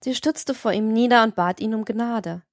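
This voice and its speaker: A woman reading an audiobook in a steady, measured narration. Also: fairly high pitch, no echo, clean studio sound. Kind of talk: scripted narration.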